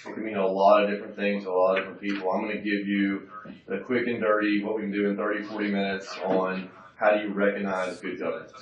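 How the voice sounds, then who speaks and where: A man's voice: fairly low pitch, flat delivery, fast. Folksy joking man presenting in a roomy hall. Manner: folksy, self-deprecating and joking. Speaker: workshop presenter. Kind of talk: casual seminar talk with audience interaction. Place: conference room. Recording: roomy, dull, from a distance.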